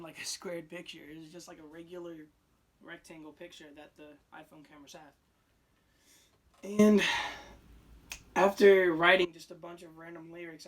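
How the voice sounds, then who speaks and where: A raspy-voiced teenage boy rambling casually into his phone camera, restarting sentences and swinging between loud and quiet. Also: a little high. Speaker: vlogger. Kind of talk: casual unscripted vlog.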